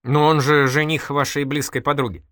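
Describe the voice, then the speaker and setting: A man voicing a calm young police detective in an audiobook, polite with dry humor. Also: on the high side, normal speed, dry recording, voice pushed up, lightly acted. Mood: wry. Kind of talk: audiobook character voice.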